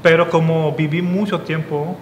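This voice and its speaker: Young man from South Korea, interview guest, thoughtful, restarts often, echoey studio, steady hum. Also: fairly high pitch, moderate pace. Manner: thoughtful, with frequent restarts and fillers. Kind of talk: casual interview. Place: studio with dark curtain backdrop.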